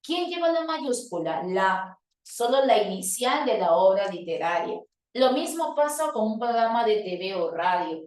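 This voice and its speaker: A language teacher gives a grammar lesson in a medium-pitched, slightly mellow voice that is very animated yet unhurried. She explains things step by step and quizzes her students with questions. The recording is echoey, with her voice sounding distant.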